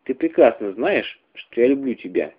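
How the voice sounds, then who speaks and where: A man's voice: mid-range voice, sing-song, normal speed. A man voicing a weary, reserved young wife in a radio reading, with a dry, restrained manner. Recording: tinny phone-like radio recording.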